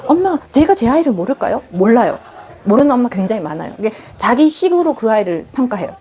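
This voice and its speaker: A woman's voice: fairly high pitch, very animated, quick pace, dark tone. A woman counselor giving parenting advice on a live stream, speaking emphatically and directly. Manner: emphatic, direct, acts out quoted parent and child lines. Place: live online broadcast.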